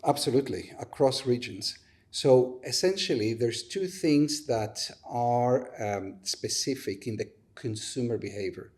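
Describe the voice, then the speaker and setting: A man with a mid-range, slightly mellow voice speaks at a measured pace. He co-founded a startup and, as a podcast guest, methodically explains his business model step by step, building each point with everyday examples.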